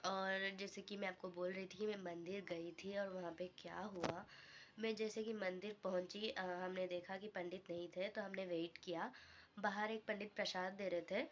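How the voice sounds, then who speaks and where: A woman vlogger with a hoarse voice from a cold, chatting casually and rambling to her viewers. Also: mid-range voice, steady tone, unhurried, pushed and bright, slight background noise. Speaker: lifestyle vlogger. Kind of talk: casual vlog talk to viewers.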